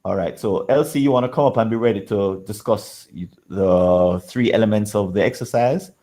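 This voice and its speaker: A man facilitating an online workshop, talking briskly and encouragingly and laughing often. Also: on the low side, mellow. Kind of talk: casual online workshop hosting.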